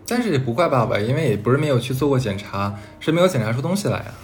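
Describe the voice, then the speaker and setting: A man's voice: mid-range voice, sing-song, rapid-fire. A man co-hosting a podcast, chiming in with short questions and interjections.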